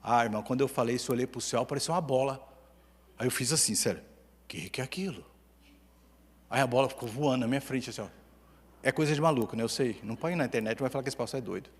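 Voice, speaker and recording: Man, Brazilian accent, pastor's sermon, husky voice, hall reverb. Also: mid-range voice, very fast. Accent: Brazilian Portuguese. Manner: storytelling with humor, lively swings between loud and hushed. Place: church hall.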